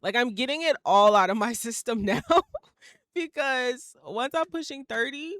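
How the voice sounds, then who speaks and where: Her voice sits a little high and sounds fairly bright as she talks unhurriedly on her solo podcast, a young woman in her twenties rambling with plenty of fillers. Occasional swearing and mid-sentence laughter come through clean studio sound with no echo.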